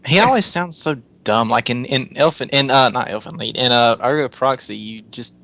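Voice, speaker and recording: A man's voice: medium pitch, moderate pace, vocal fry, pushed and bright, lo-fi sound. A man on a casual podcast, teasing the others with sarcastic remarks. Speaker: podcast co-host.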